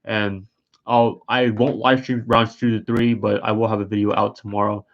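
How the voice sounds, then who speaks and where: A man's voice: fairly low pitch, level tone, normal speed, dull audio. Tired man rambling through draft commentary. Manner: rambling, hesitant, many fillers and restarts. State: tired and yawning. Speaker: sports streamer. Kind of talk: casual live-stream commentary.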